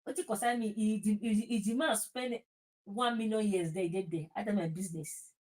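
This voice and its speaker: A talk show host with a Nigerian accent speaks a little fast in a mid-range, slightly mellow voice, heard over poor audio. She argues her political opinions informally and with passion, repeating phrases and moving into Pidgin.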